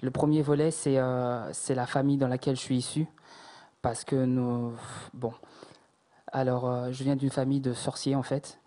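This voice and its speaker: A man in his forties from France, giving a halting personal testimony with many pauses and fillers. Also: mid-range voice, little pitch movement, mellow. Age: 40s. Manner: measured, hesitant, many fillers.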